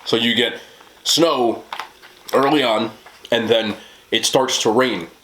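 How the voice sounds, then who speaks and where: A man's voice: medium pitch, slow pace, fairly bright tone, a little hiss or hum, poor audio. A man in his thirties in casual, rambling mukbang chat, joking in slang and talking between bites as he eats. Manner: talks between bites while eating. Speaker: mukbang host. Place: small indoor room, seated at a table.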